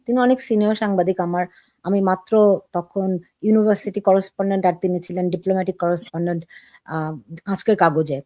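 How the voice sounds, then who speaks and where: A woman's voice: mid-range voice, steady tone, brisk, warm tone, no echo. A middle-aged woman hosting a political talk show, asking probing questions in a conversational way.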